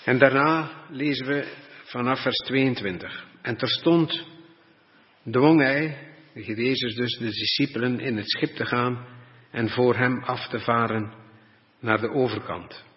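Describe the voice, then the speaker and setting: A man preaching a sermon, reading Bible passages in a deliberate, old-fashioned way and explaining them. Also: mid-range voice. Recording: dull lo-fi recording with long reverb.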